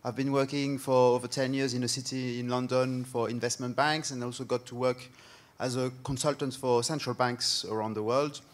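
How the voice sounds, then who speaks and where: A man speaking on a conference panel in an earnest, deliberate way. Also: mid-range voice, level tone. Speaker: panelist, startup founder.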